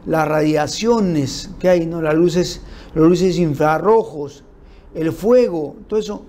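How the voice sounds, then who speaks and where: A man giving an informal law lecture, explaining through lists and examples and checking in with his listeners with quick tag questions. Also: a little high, warm tone, a little hiss or hum. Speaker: criminal law instructor. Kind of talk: informal lecture on forensic principles.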